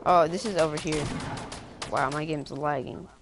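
Low-voiced woman gaming. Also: loud music behind the voice. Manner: excited quick callouts. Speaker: gamer. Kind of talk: casual gaming chat.

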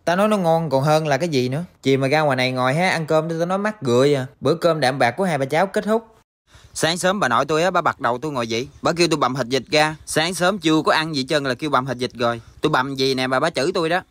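Fast-talking young man from the Mekong Delta. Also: fairly high pitch, a bit bright. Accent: Mekong Delta Vietnamese. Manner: chatty, rambling, playful. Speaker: cooking vlogger. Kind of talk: casual cooking chat to viewers.

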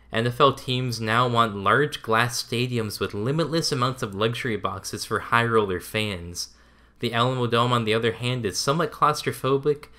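A man reading scripted documentary narration in an even, measured way. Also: on the low side.

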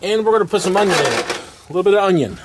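Talking very fast in an expressive, high voice, a middle-aged man narrates his camp-stove cooking outdoors step by step for his camping vlog, in a folksy, casual way. The outdoor camera audio carries clear background noise.

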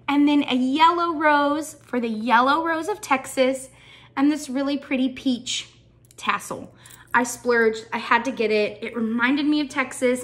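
Woman, high voice, chatty, enthusiastic, casual show-and-tell vlog. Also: a bit bright. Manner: chatty and enthusiastic, with frequent ums. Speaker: shoebox packing vlogger.

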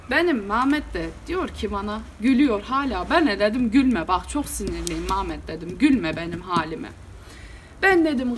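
A woman playing an exasperated, hot-tempered male village headman in a solo storytelling performance, with an animated delivery. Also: fairly high pitch, slight background noise, lightly acted.

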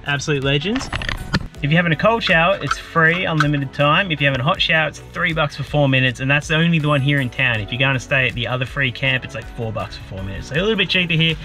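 A man in his thirties with an Australian accent, giving a relaxed, friendly walk-through on a travel vlog, filmed outdoors on a handheld camera. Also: on the high side. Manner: laid-back and friendly, with slang. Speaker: travel vlogger. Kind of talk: casual travel vlog chat. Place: outdoors beside a camper van. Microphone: handheld action camera. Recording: background music throughout.

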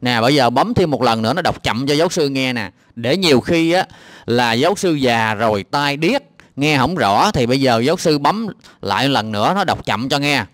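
A video commentator with a Southern Vietnamese accent reacts to a clip with exasperated, mocking remarks and plenty of hesitant filler sounds. His medium-pitched voice is animated and a bit bright, at a moderate pace, on a dry recording.

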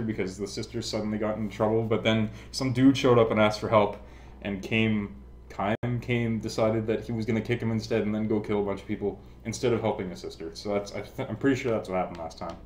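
A young man with a fairly low voice hosts a game let's play, laid-back and swearing a lot as he gives casual commentary. The recording is roomy with slight background noise and loud game music behind him.

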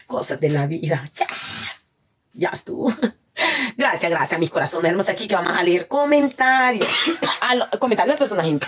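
A woman's voice: lowish voice, lively intonation, normal speed, long pauses, slight background noise. A Salvadoran woman chatting casually on a phone live stream, reading viewer comments, laughing often and thanking viewers.

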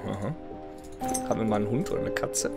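Fairly low-pitched, animated and fast, this let's play host in his thirties sounds a bit nasal from a cold. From his home gaming room he chats casually through the game, reading its letters aloud, his voice clear over the game music.

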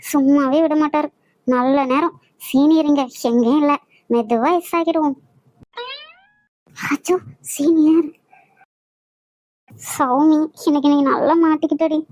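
A woman's voice: high voice, a little mellow, dry recording, natural voice, rough recording. A woman voicing a timid young college girl with childlike speech and a Kanyakumari Tamil accent, nervous and stammering.

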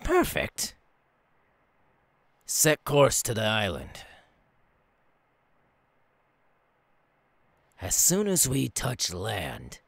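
Buggy the Clown, gravelly ASMR role-play. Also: male voice, mid-range voice, dry recording, heavily acted. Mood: gleefully commanding. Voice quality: raspy, gravelly. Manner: theatrical, drawling, swinging between hushed threats and barks. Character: menacing, gleefully cruel clown pirate captain.

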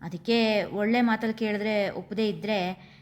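A woman voicing a joking young man who explains himself slowly. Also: medium pitch, fairly even intonation, lightly acted. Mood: sheepish.

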